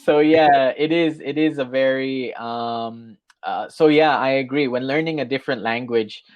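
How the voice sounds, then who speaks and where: A man's voice: mid-range voice, moderate pace, dry recording, muffled recording. A man from Australia working as an English tutor, chatting casually in an online lesson, agreeable and full of fillers and restarts. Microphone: video call.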